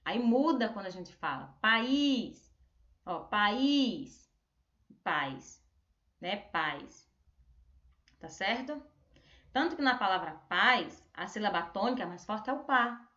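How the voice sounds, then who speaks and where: A Brazilian woman teaching a remote lesson, drawing out words slowly to show stressed syllables. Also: medium pitch, lively intonation, pushed and bright. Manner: slow, drawn-out word modelling with stressed syllables. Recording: echoey room, dull lo-fi sound.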